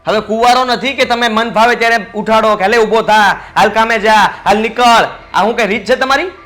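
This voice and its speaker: A smug, idle young son argues back at his father with mocking retorts. His voice is high and bright, and faint music plays under him. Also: fairly quick. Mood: defiant. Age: young adult.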